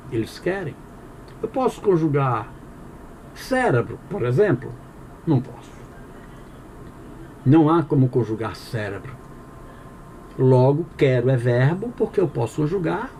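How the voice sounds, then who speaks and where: A man teaching a grammar lesson, his voice sitting a little high and swinging widely in pitch as he explains. He keeps checking in with the listener and answers his own questions. Faint ambient hiss sits behind him. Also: mellow. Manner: conversational with frequent "tá bom?" check-ins. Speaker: Portuguese teacher.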